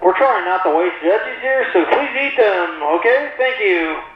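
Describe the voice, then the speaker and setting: Man making store loudspeaker announcements. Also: high-pitched, animated, measured pace, dull audio. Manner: repeats each notice with "once again", then signs off "thank you". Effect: store public-address loudspeaker announcement. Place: large store. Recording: echoey loudspeaker heard from far off.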